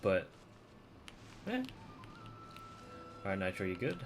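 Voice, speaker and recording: A man streams a video game live and chats casually in a low voice, taking his time while his pitch swoops wildly. The game's music and dialogue run in the background.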